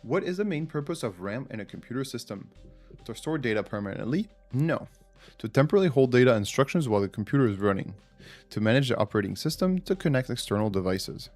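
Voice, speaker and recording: Hosting a relaxed live quiz, a Frenchman with a French accent and French as his first language muses aloud while talking to viewers. His mid-range voice swings widely in pitch, moves quickly and sounds a little mellow over soft background music.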